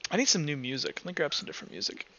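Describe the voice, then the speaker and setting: A man acting as game master runs a tabletop roleplaying game, narrating off the cuff and casually thinking aloud. His fairly high, bright, forceful voice swoops wildly in pitch and moves very fast. The dull lo-fi voice track carries music plus a little hiss or hum.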